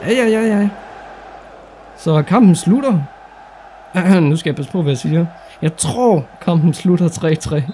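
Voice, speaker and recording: A young Danish man commenting on his own football game playthrough, excitable and casual, shouting at big moments. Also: sits high, long pauses, a little hiss or hum. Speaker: gaming YouTuber. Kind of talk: excited let's-play commentary.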